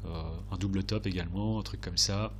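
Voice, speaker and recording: Low-voiced man with a stuffy, blocked nose. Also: fairly even intonation, brisk, slight background noise. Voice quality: nasal, stuffy. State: congested blocked nose and sore throat. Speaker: host of a crypto chart analysis video. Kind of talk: casual technical commentary over charts.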